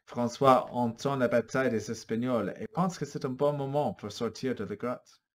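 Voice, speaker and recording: A man narrating a storybook for learners, in a clear, deliberate and expressive delivery. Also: medium pitch.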